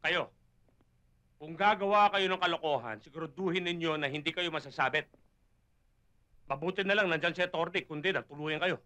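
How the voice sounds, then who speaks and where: A stern tough cop. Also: male voice, on the high side, fairly quick, long pauses. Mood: scolding. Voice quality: forceful, commanding shouts. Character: stern tough male cop, older brother figure. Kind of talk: 1980s Filipino action film acting. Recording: film soundtrack with music under the dialogue.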